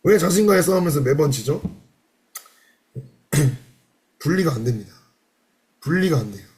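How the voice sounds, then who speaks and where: A man's voice: on the high side, animated, a little slow, a little mellow, soft background music. A male pastor preaching a sermon, reading passages aloud and explaining them with rhetorical questions in a church. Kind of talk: sermon on a devotional classic.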